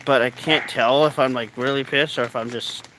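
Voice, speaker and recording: A man's voice: medium pitch, fairly even intonation, moderate pace, sharp tone, rough recording. Laid-back stoned man rambling outdoors in rain. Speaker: vlogger. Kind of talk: casual rambling chat to camera. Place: outdoors in rainy, cold weather. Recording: faint rain noise outdoors. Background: light rain.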